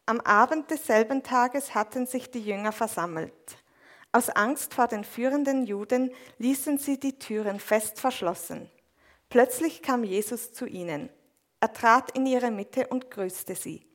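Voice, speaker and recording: A woman reading a Bible passage aloud in a measured, even way, then interpreting a sermon line by line. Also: fairly high pitch. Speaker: scripture reader and interpreter.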